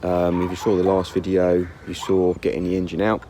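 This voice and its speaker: Male DIY mechanic vlogger, dark monotone rasp, rambling plain talk. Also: low-pitched, a little fast, slight background noise, rough recording. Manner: rambling, plain-spoken, self-correcting. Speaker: car repair vlogger. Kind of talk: casual workshop commentary. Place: outdoors in a yard.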